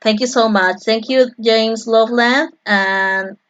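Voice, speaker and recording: A woman's voice: fairly high pitch, steady tone, slow pace, fairly bright tone, lo-fi sound. Rambling Peruvian-accented woman streaming. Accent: Peruvian Spanish. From Peru. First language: Spanish. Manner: rambling, chatty, friendly thanks to viewers. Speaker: artist live-streaming her painting. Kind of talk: casual live-stream chat. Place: home art studio.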